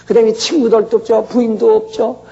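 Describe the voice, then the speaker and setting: A dramatic male pastor preaching a sermon in a high, gravelly voice, acting out the characters as he tells the story. The sound is dull and lo-fi with a long hall reverb. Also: flat delivery, fairly quick, warm tone.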